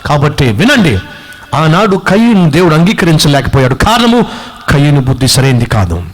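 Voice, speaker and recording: Brief: male preacher, high-pitched, forceful sermon delivery with rhetorical questions. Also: very animated, normal speed, faint music behind.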